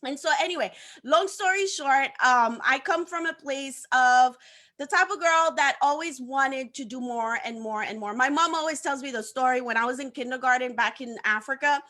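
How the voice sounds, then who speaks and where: Speaking at a moderate pace, this high-voiced woman has a sharp tone. She's a social media coach from Haiti in her thirties, guesting on a video-call talk show, where she laughs a lot and recounts her story in an upbeat, conversational manner during a relaxed interview.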